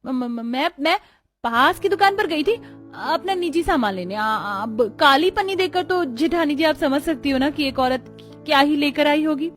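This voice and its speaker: A woman's voice: high voice, normal speed, soft background music, voice pushed up, lightly acted. A woman voicing a timid young bride who stammers and makes excuses when she is questioned. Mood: stammering.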